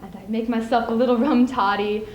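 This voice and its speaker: A young woman on a student speech team plays a feisty, spirited and scheming widow in a theatrical monologue on an indoor school showcase stage. Her high voice sits close to her everyday one, with a darkish tone and fairly even intonation, and her emphatic delivery uses deliberate pauses in a reflective, wistful mood. The audio is dull, the room echoey, and background noise clearly audible.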